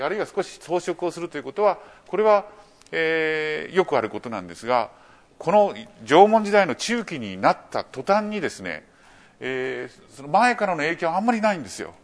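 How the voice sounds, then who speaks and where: Lively-pitched Japanese male lecturer. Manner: measured explanatory delivery with many fillers; rhetorical questions to the audience. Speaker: lecturer on archaeology. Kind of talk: public lecture.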